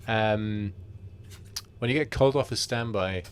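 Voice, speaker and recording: A man's voice: on the low side, slight background noise. A man, an airline pilot, chatting casually and easily about his work with a British accent. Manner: easygoing, chatty, quick laughs. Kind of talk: casual chat.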